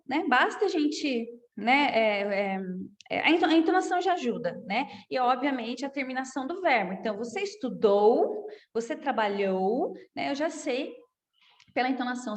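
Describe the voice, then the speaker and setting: Brazilian teacher, female, slightly high-pitched, keeps checking in with listeners, recorded in a reverberant room. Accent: Brazilian Portuguese. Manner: checks in constantly with "tá?" and "né?", repeats examples slowly. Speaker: English teacher. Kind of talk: casual online lesson. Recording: echoey room with long reverb.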